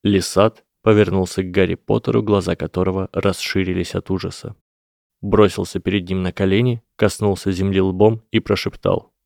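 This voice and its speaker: Low, gravelly male audiobook narrator. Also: a little mellow, dry recording, clean studio sound. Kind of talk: scripted narration.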